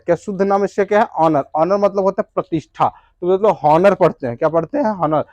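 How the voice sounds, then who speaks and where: Male teacher, slightly high voice, dry close sound; drills a class with questions, answers them himself, repeats each point. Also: darkish tone, no room sound. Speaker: English teacher. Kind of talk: classroom lesson explaining English words.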